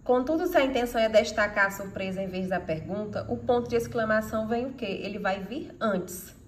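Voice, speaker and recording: A woman's voice: mid-range voice, fairly quick, slight background noise. A woman with a Brazilian Portuguese accent teaching a grammar lesson, asking rhetorical questions and answering them herself, and reading example sentences aloud with expression.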